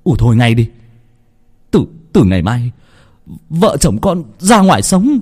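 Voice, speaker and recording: A man's voice: fairly low pitch, very animated, moderate pace, warm tone, husky. A man voicing a protective young husband with a voice that surges when he is pressed, in a spoken ghost story. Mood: angry, confronting.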